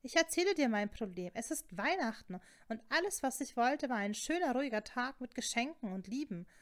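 A woman's voice: fairly high pitch, animated, normal speed, lightly acted. Woman voicing a snappy exasperated young witch.

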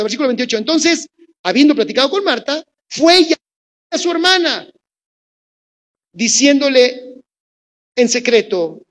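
Animated Mexican woman preacher. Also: high voice. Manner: animated storytelling, asks the congregation questions. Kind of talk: sermon.

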